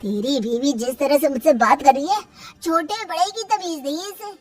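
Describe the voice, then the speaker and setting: A woman's voice: high voice, moderate pace, darkish tone, soft background music, lightly acted. A woman voicing a stern, angry middle-aged uncle-in-law who scolds harshly. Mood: scolding.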